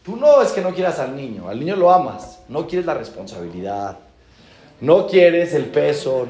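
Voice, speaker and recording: A man, a rabbi giving a Torah class, acting out stories and repeating phrases for emphasis. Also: high-pitched. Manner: animated, acts out dialogues, repeats phrases for emphasis. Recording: roomy echo.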